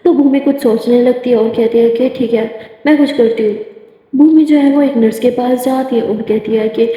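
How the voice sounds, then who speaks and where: A woman's voice: fairly high pitch, mellow. Woman storyteller in an echoey room. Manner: rapid, loose "she says" tagging, restarts. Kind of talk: casual retelling of a love story. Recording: echoey room, long reverb, dull lo-fi sound.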